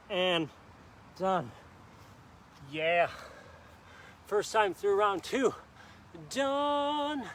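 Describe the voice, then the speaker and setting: A slightly bright, high-sitting male voice comes through with a bit of background noise. The speaker is a fitness instructor guiding a live workout in a park, keeping things upbeat and encouraging as he exercises along and jokes about his own errors.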